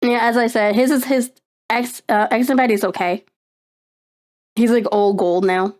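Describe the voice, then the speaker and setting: A young woman on a live stream chats casually, rambling and getting excited, with plenty of fillers and laughter. Her voice sits a little high and she talks at a moderate pace.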